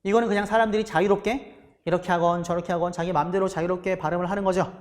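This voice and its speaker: A man teaching a lecture class in a high, bright voice. He keeps asking questions and answering them himself. A long reverb fills the room around him. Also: steady tone, rapid-fire. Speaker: English teacher for exam prep. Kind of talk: recorded lecture.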